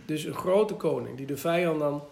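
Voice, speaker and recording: A man giving a Bible teaching, reading scripture aloud slowly and then explaining it in a conversational way. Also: fairly high pitch, vocal fry, a little mellow, roomy sound. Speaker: preacher.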